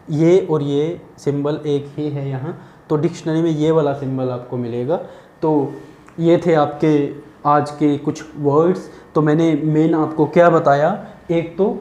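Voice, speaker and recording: A man's voice: a little high, warm tone, echoey room. A man teaching English pronunciation in a lesson, drilling each word and answering his own questions. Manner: slow, repetitive drilling of words, asks then answers himself. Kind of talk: Hindi-language lesson.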